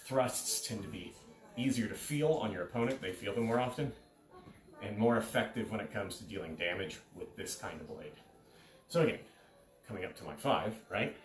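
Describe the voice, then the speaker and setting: A man in his thirties, with a lowish voice at normal speed, casually explains fencing technique in an informal instructional style. He's in a carpeted living room, recorded by a camera several steps away, so the sound is distant and echoey.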